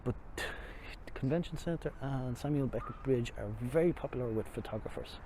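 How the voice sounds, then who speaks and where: At a moderate pace and medium pitch, an Irishman gives a laid-back, digressive tour commentary peppered with self-deprecation, speaking through a face mask. The setting is a city street by a river, recorded outdoors with heavy traffic and street noise.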